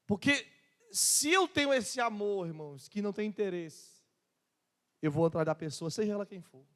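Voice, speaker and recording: A man preaches a sermon, his high voice rising in emphasis as he puts questions to the congregation. The sound carries a long church reverb. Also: animated, normal speed, a bit bright. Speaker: pastor.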